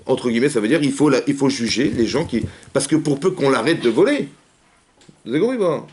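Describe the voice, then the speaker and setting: A rabbi giving a lively Torah class, rapid and animated, acting out little dialogues as he answers questions. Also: medium pitch. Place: community hall.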